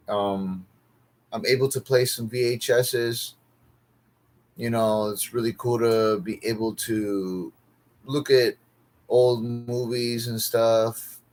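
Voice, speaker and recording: A man's voice: mid-range voice, fairly bright tone. A man streaming alone as a comedian, griping in a profane, repetitive, exasperated way. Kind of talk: casual livestream rant.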